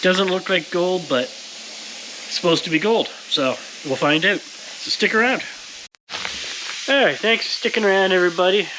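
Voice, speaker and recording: Against background noise, the host of a powder coating workshop video chats with viewers in a folksy, informal manner for his casual shop vlog. His voice sits high, moving at normal speed with long pauses.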